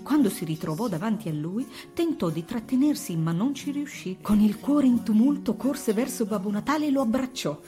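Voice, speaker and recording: A woman narrating a children's story in an expressive, melodic storytelling voice. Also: fairly high pitch, normal speed, hardly any pauses, faint music behind. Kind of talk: storybook audiobook reading.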